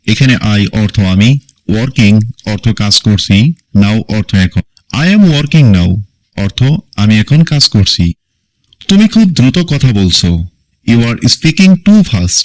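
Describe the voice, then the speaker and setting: A man teaching English in a scripted lesson, reading each sentence slowly and deliberately, then breaking it into parts. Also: on the low side, dry recording, rough recording. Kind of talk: scripted phrase-by-phrase language lesson.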